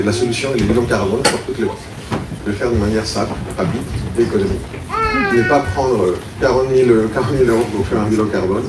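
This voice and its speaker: A man from Mexico, a startup founder, giving a conference pitch talk and explaining his idea in a casual, thinking-aloud way. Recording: roomy, distant mic, audible room noise.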